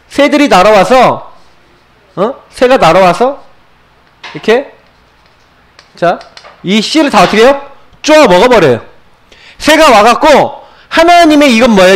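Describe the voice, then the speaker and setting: A man's voice: very high voice, a bit bright. A male pastor giving a sermon to children, asking questions and answering them himself. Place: church.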